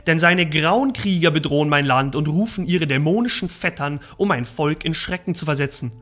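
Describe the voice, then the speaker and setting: A man voicing a stern commanding male king, solemn and measured, read from a book in a game. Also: fairly high pitch, a bit bright.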